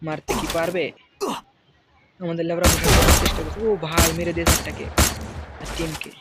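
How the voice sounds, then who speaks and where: A man with a slightly high voice gives esports caster-style commentary on a live match. He calls the action in excited, repetitive bursts. Loud game gunfire and vehicle noise run behind him. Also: fairly quick. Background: video game gunfire, vehicles and clicks.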